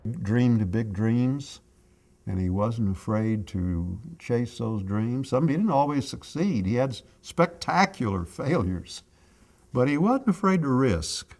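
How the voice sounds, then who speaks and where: Animated, mid-pitched man. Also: slow. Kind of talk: reflective interview talk.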